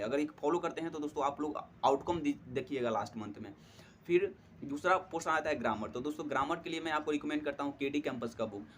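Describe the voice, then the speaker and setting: A young male exam prep tutor offers friendly, casual study advice, often calling listeners friends, repeating "theek hai doston," and using lots of fillers. His voice is on the high side, with slight background noise.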